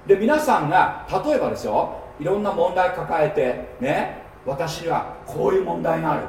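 A man preaching at a seminar, teaching with lively emphasis and often checking in with his listeners. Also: fairly high pitch, moderate pace, slight background noise. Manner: animated teaching with frequent rhetorical checks. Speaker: pastor. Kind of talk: seminar sermon. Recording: echoey hall, mic at a distance.

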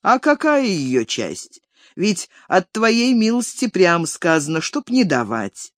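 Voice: medium pitch, very animated, slow, no echo, studio quality, pitched above the performer's own voice. A reader voicing a toothless old peasant man who mumbles his complaint in an audiobook story. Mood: mumbling.

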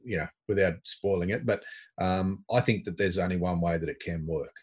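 Husky Australian man with dry humour. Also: low voice, moderate pace, a little mellow. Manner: dry, self-deprecating humour. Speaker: podcast co-host. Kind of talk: casual sports podcast chat.

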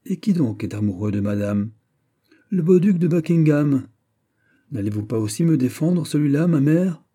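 A man's voice: fairly high pitch, expressive, normal speed, dark tone, pitched above the performer's own voice. A man voicing a jealous, indignant young French prince in an audiobook, heated and insistent. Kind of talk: audiobook character voice.

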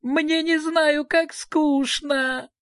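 A reader voicing a small, whiny, melodramatic girl creature in a storybook, high and tearful. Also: lively intonation, moderate pace, dry recording, clean studio sound, natural voice. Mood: whiny, dramatic. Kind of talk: audiobook character voice.

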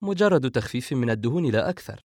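A man's voice: mid-range voice, very animated, very fast, darkish tone, no echo, clean studio sound. A man voicing a joking, sarcastic younger brother in an audiobook. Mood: wry. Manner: sarcastic, dismissive. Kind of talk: audiobook character voice.

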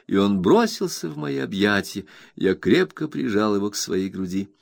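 A man narrating a literary audiobook in an expressive storytelling manner. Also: on the low side, moderate pace, gravelly, no echo, clean studio sound.

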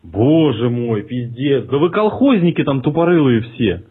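A man's voice: mid-range voice, animated, measured pace, breathy edge. A man making a prank phone call in a mocking, provocative way, swearing as he goes. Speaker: prank caller. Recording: tinny phone line.

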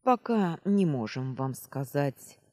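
A woman's voice: sits low, animated, slow, warm tone, full character voice. A woman voicing a young male castle lord in an audiobook, offhand and unapologetic. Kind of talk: audiobook character reading.

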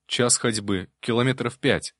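A man's voice: mid-range voice, unhurried, fairly bright tone, no echo. Guy doing a scared pleading young monk kid, dry close sound. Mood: anxious. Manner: desperate, pleading. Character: frightened, stubborn young male novice monk.

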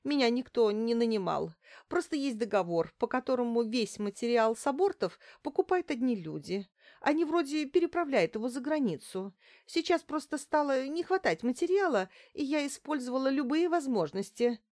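A woman voicing a frightened, greedy middle-aged woman gynecologist in an audiobook, her voice pitched higher and begging. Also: sing-song, normal speed, a little mellow, dry recording, clean studio sound. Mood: pleading.

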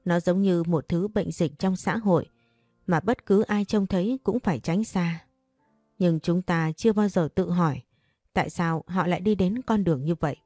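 A woman narrating an audiobook-style story for her channel in a measured, calm way. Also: fairly low pitch, dry recording. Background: faint music.

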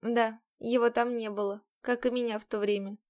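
A woman narrating an audiobook in the first person, with even, measured storytelling. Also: on the high side.

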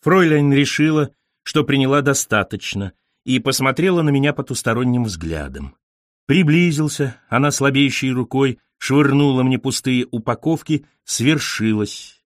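A man reads a darkly comic literary story aloud in a wry, ironic tone. His voice sits in an ordinary middle pitch. The recording is dry and close, with no room sound. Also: animated, normal speed, dry recording. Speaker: narrator.

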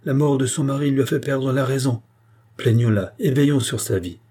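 A man's voice: mid-range voice, moderate pace, mellow, breathy edge, pitched above the performer's own voice, natural voice. A man voicing a stern male tribunal president who speaks with firm authority. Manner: authoritative, declaring.

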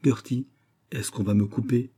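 A man reads as an ironic young society woman, her voice lifted well above his own low register, dark and husky in tone. She is proud, defiant and quietly mocking, as if in a storybook. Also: fairly even intonation, normal speed, close to an everyday voice. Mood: pleading.

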